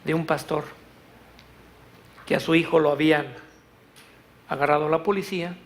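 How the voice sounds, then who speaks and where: A man preaching a sermon in a church, telling a story and reading scripture aloud, swelling loud on the verses. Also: fairly high pitch, steady tone, normal speed, slight background noise. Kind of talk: Spanish-language church sermon.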